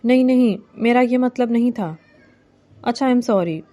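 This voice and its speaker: Timid young bride read by a woman, soft, pleading, mellow tone, storybook reading. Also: on the high side, lightly acted. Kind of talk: novel reading.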